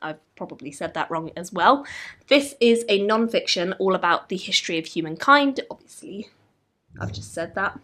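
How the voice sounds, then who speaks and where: A woman's voice: medium pitch, expressive, moderate pace, sharp tone. A young woman in her twenties, vlogging casually and enthusiastically about books and bookshops, chatting in a rambling way. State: tipsy. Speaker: book vlogger. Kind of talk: casual vlog chat. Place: indoors at night.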